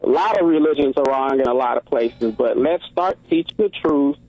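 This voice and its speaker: A man's voice: mid-range voice, normal speed, dry recording, muffled recording. A man from the Congo calling in to a radio show, talking earnestly in rhetorical questions. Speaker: caller. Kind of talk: call-in radio commentary. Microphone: phone call.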